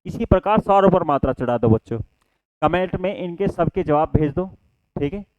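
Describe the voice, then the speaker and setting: Clear-voiced male Hindi tutor, quizzing his students. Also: on the high side, lively intonation, normal speed, a little mellow, no room sound, dull audio. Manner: explains step by step, often asks the class questions and answers them himself; addresses students as children, repeats "ठीक है". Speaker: Hindi teacher. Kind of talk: online exam-prep lesson.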